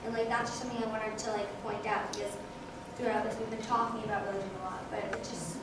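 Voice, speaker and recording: A woman's voice: mid-range voice, level tone, fast. A teenage girl talking casually to an audience in a large church hall, filling her sentences with "like". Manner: casual, heavy use of like. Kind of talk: personal testimony at forum. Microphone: far camera, no mic. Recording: echoey hall, distant, with noise.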